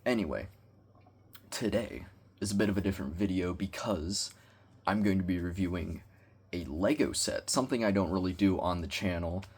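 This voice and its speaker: A young man talks low and a little husky as he vlogs from his bedroom. He rambles awkwardly in casual slang and keeps poking fun at himself as he goes. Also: normal speed, a little mellow. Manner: awkward, self-deprecating, slangy. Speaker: YouTuber reviewing a toy. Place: bedroom with bookshelves.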